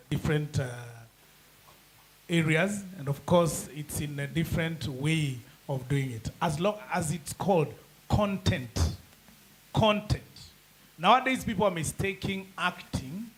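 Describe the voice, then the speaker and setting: A Kenyan man speaking as a forum panelist in a casual, joking way, switching between English and Swahili slang. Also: on the high side.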